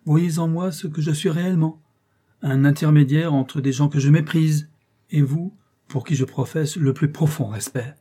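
A cunning, falsely humble agent in a period novel, as a narrator puts him on, polite on the surface but quietly menacing. The voice is raised in pitch above the reader's own. The tone underneath stays mellow and husky. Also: male voice, fairly even intonation, normal speed, natural voice. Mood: smooth. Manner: deferential on the surface, insistent and threatening. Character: sly, scheming man, a domestic-staff placement agent.

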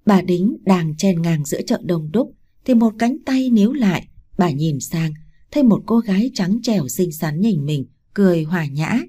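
A woman reads a horror story aloud with steady, ominous narration. Her voice sits low and has a dark, husky grain. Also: moderate pace.

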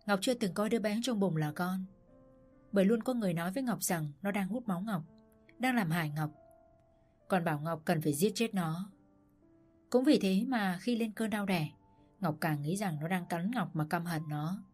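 A woman narrating a novel as an audiobook in a steady, dramatic storytelling manner. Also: mid-range voice, moderate pace, soft background music.

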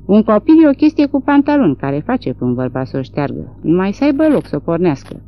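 A woman's voice: on the low side, big pitch swings. A woman reading the part of a blunt, scoffing rural man in an audiobook, from a dull lo-fi recording. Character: gossiping rural old man, Ratcliffe, blunt.

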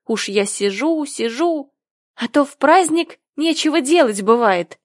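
A woman's voice: sits high, expressive, measured pace, dry recording, clean studio sound. A woman reading the part of a polite, earnest young girl in a storybook who takes offense easily. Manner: prim, earnest.

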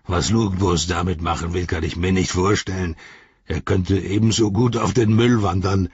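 Guy doing a mean orc grunt, deep raspy drawl, slow and mocking, dull lo-fi audio. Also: steady tone, a little mellow, dry recording. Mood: sneering. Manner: slow, heavy, sneering delivery. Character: sneering male orc soldier, mocking and sly.

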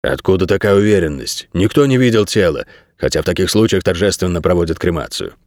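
A man voicing a lean, gloomy male shepherd dog who talks in a brooding, hushed way. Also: low-pitched, animated, fast talker, no room sound, studio quality. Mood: secretive.

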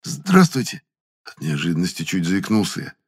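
A man reading a novel aloud as audiobook narration in a steady, measured way. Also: low voice. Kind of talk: scripted narration.

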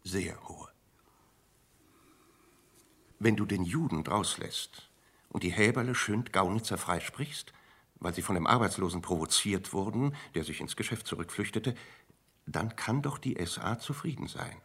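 A cold, evasive judge. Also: male voice, fairly low pitch, animated, moderate pace, a bit bright, breathy edge, full character voice. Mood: confiding. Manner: cool, clipped, reproving. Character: cold, guarded male judge, evasive and superior. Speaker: colleague judge Fei in a radio play. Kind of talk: radio drama acting.

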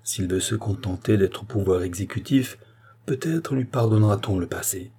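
A man's voice: lowish voice, moderate pace, dark tone, husky. A man voicing an earnest male politician who urgently explains and warns a queen, in a French audiobook reading.

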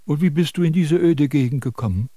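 An actor playing a self-important sage who lectures and scolds in a radio drama. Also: male voice, fairly high pitch, a little fast, warm tone, no room sound, studio quality, natural voice. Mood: lecturing. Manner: pompous, preachy, scolding.

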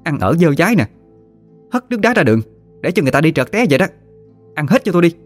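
A man's voice: medium pitch, big pitch swings, fast talker, darkish tone, voice pushed up. A man voicing a hot-tempered young woman who scolds shrilly. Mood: furious scolding. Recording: faint music behind.

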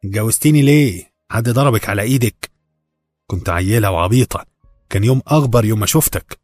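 A man voicing a furious Egyptian housewife who shrieks and curses in a husky voice. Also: lowish voice, fast talker, a little mellow, no echo, soft background music, close to an everyday voice. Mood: furious shrill. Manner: shrieking, cursing, indignant. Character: shrill furious Egyptian housewife, middle-aged.

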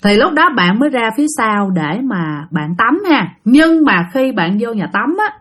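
A woman with a Southern Vietnamese accent telling a spooky story, talking straight to her listeners in an animated way. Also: fairly high pitch, normal speed. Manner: addresses listeners directly, animated retelling. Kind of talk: spoken ghost story narration.

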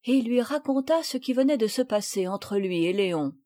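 A woman's voice: on the high side, animated, moderate pace, dark tone, no room sound, studio quality. Woman narrating a classic storybook. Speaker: audiobook reader.

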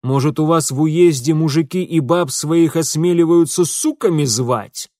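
A man's voice: mid-range voice, measured pace, a little mellow, no room sound, studio quality, natural voice. A man voicing a haughty aristocratic nobleman who lectures in a cold, formal way. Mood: stern.

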